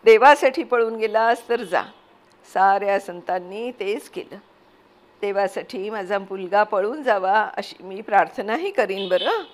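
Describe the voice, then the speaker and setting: A gentle, devoted village mother speaking softly and earnestly, as a woman reader voices her. She comforts her son in an audiobook story reading, in a voice close to the reader's own. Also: medium pitch, a little slow, a little hiss or hum, close to an everyday voice. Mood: tender. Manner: soft, earnest and consoling.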